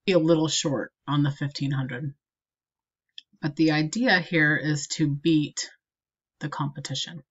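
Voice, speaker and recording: A woman marketing consultant walking a client through an SEO review with a screen recording, in a steady and practical way. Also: low-pitched, a little slow, long pauses, husky, highs cut off.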